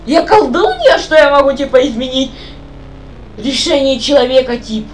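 Her voice is high and animated, moving at a normal speed, and the audio is poor with slight background noise. She's a young gamer on a voice call, chatting loosely, wandering off topic and repeating her questions.

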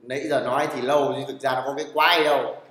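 A man's voice: medium pitch, fairly even intonation, quick pace, fairly bright tone. Blunt, teasing man teaching in an echoey classroom. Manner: blunt, teasing, constantly checks with "right?". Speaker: programming teacher. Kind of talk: classroom lecture. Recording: echoey room with long reverb.

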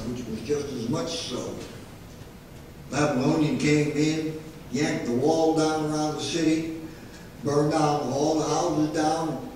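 A man preaching a folksy, emphatic sermon from the pulpit, his voice sitting on the high side. The sound comes from a distant mic in a strongly echoing sanctuary, with a faint hiss underneath. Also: a little mellow. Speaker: pastor. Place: church sanctuary. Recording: echoey sanctuary, mic far off.

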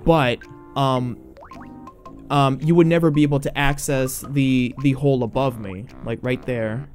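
A man of middle pitch talks through a video game while playing, rambling, stopping to restart his sentences and padding them with fillers. Faint game music plays underneath. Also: steady tone, a little slow. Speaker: let's play host. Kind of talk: casual gameplay commentary.

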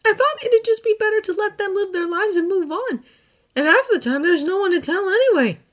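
A gentle teenage boy confides about the ghosts he has known, as a woman puts him on. His voice sits high and moves animatedly, soft and halting with feeling. It is told as a storybook reading. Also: expressive. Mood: tender. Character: earnest teenage boy who sees ghosts. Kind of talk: fan fiction audiobook reading.

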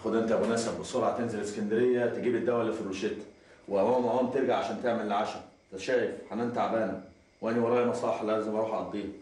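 A man's voice: fairly low pitch, fairly even intonation, darkish tone, close to an everyday voice. An actor playing a domineering, mocking husband who bullies his wife, in an Egyptian accent. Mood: pleased. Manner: rapid-fire, bullying, mocking. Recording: echoey room, faint hiss.

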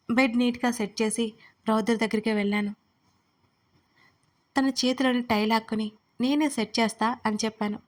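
A woman narrating a first-person audio story in a playful, dramatic manner. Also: a little high.

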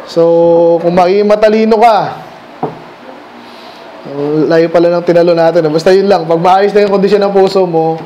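At a Sunday night service, a pastor from the Philippines delivers a chatty sermon, peppering the congregation with rhetorical questions and mixing Tagalog with English. His high-sitting, mellow voice holds a steady tone at normal speed. The audio is dull, with slight background noise.

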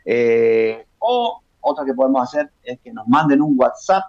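A man's voice: mid-range voice, animated, a little slow, darkish tone, lo-fi sound. A middle-aged Argentine man, a puppeteer and cultural manager, chatting enthusiastically as a guest on a TV interview. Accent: Argentine Spanish. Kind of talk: TV interview, promoting a festival.

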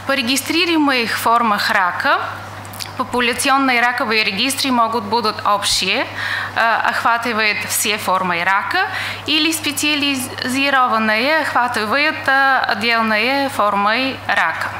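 A woman with a foreign accent, speaking as a non-native, gives a slide lecture in a higher-pitched, bright voice. She hesitates often as she goes. The indoor room rings around her, with some light noise in the recording. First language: not a native Russian speaker. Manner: halting, frequent hesitations. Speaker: conference lecturer. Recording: echoey room with faint hiss.

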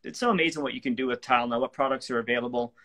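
A man's voice: medium pitch, racing, pushed and bright. A middle-aged man hosting a renovation talk show, chatting agreeably with his guest over a video call. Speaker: show host, renovation company. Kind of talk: casual interview talk. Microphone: video call webcam.

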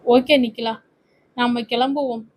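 A firm, kindly older man gives advice to his future daughter-in-law, read by a woman. The voice sits fairly high and even. It is a Tamil serial story read aloud. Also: unhurried, a little hiss or hum, close to an everyday voice, rough recording. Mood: coaxing. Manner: firm, advising.

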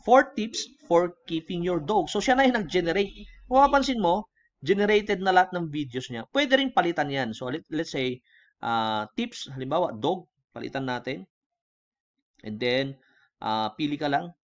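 A man's voice: on the high side, lively intonation, moderate pace, dull audio. Filipino man in a casual tutorial. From Philippines. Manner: casual, mixes Tagalog and English, keeps checking in with the viewer. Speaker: online tutorial host. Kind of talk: screen-recorded software tutorial.

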